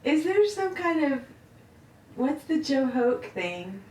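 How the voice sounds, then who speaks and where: A woman's voice: sits high, very animated, slow pace, darkish tone, roomy sound, distant mic, a little hiss or hum. A woman giving short, amused replies in casual conversation.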